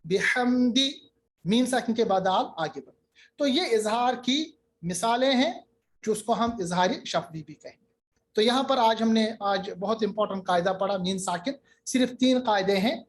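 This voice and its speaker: A male teacher giving a recitation lesson, explaining each rule patiently and step by step, with slow chanted examples. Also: sits high, lively intonation.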